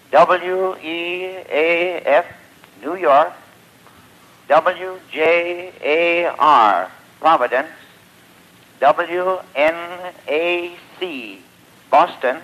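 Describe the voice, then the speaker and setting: A man announcing on the radio in a formal 1920s style, heard on an old 1924 broadcast recording, with a slow, measured, declamatory delivery. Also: fairly high pitch, fairly bright tone, poor audio.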